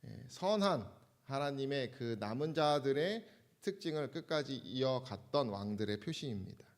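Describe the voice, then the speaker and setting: A male pastor giving a Bible lecture sermon to his congregation in a measured, explanatory way while referring to slides. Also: mid-range voice, expressive. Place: church.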